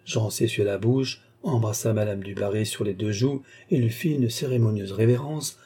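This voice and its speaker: A man narrating a classic novel in an even, measured reading. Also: on the low side, slightly rough. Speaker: audiobook narrator.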